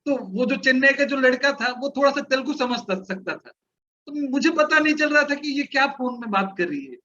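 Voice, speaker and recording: High bright-voiced man telling a story. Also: moderate pace. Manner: animated, acts out others' lines. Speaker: speaker at a Bible seminar. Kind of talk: storytelling anecdote. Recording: dull lo-fi with faint noise.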